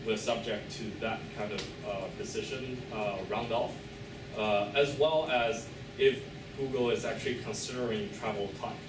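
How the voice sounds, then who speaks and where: Over music, a man with a low-ish, steady voice defends his PhD thesis in a loosely scripted academic presentation. His delivery is hesitant and halting, full of hedges and filled pauses, captured by a distant mic in an echoey room with clear background noise.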